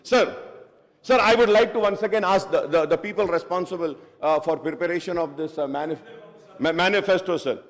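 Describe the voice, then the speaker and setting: A man's voice: a little high, very slow. A man giving an argumentative speech as a legislator on the assembly floor, moving between English and Hindustani. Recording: echoey assembly hall.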